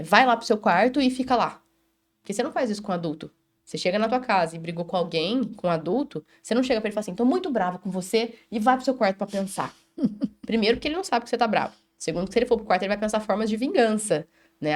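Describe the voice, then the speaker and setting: A woman's voice: medium pitch, animated, very fast, a little mellow. A Brazilian woman on a panel, speaking animatedly about children and acting out little dialogues between parents and kids. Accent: Brazilian Portuguese. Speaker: child health specialist on a panel. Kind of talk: casual panel discussion.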